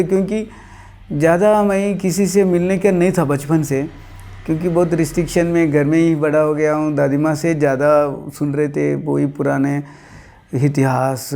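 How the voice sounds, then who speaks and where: Male interview guest, warm mellow tone, halting and repetitive storytelling, for a personal spiritual testimony. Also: a little high, creaky. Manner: halting, repetitive storytelling mixing in English words. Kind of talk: recounting a personal spiritual experience.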